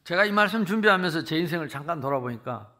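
A pastor in his sixties from South Korea's Jeolla region delivers a sermon, telling stories with animation that swing between loud and hushed. His voice is a little high and his pace fast.

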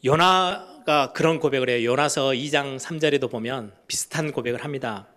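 A middle-aged man preaching a sermon as pastor, animated, often voicing questions in a raised voice. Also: medium pitch, normal speed.

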